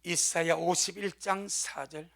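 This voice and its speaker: A man from South Korea, a pastor, preaching a sermon with emphatic repetition and slow, deliberate scripture reading. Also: a little high, fairly even intonation, creaky, a bit bright. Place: church.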